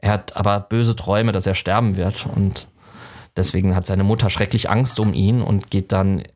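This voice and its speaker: A man's voice: low-pitched, steady tone, moderate pace, a little mellow. A man hosting a film podcast, casually and animatedly retelling a myth, often restarting his sentences. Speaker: podcast host.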